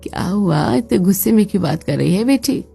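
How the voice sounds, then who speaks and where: A woman voicing a gentle mother in a cartoon, speaking softly and comfortingly. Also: mid-range voice, expressive, a little fast, gravelly, slightly rough, soft background music, exaggerated voice. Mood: soothing. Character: gentle mother on the phone, soothing.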